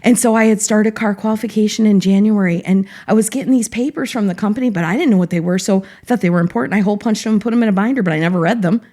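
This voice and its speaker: A woman's voice: mid-range voice, very fast, hardly any pauses. A middle-aged woman, a former teacher, telling a vivid story as a podcast guest. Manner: animated storyteller.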